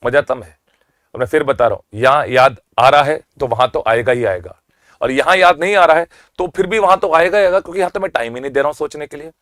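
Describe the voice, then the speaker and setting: An energetic man with an Indian accent runs a quick-fire revision lecture at an even, mid-range pitch. He teases and quizzes his listeners, then drags key terms out slowly for emphasis. The sound is close and dry, with no room around it. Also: dry recording. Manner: quizzes the class and answers his own questions. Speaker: medical exam lecturer.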